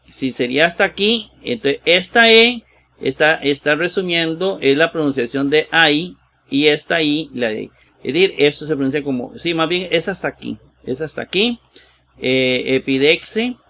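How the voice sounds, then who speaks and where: A man teaches a lesson at a slow, deliberate pace, his voice sitting a little high. He halts often with fillers and breaks words into syllables. He keeps checking that his listeners follow. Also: pushed and bright. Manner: slow, halting, with many fillers and drawn-out words; reads out Greek words in pieces, then checks with "¿verdad?". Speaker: Bible teacher. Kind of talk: screen-shared exegesis lesson.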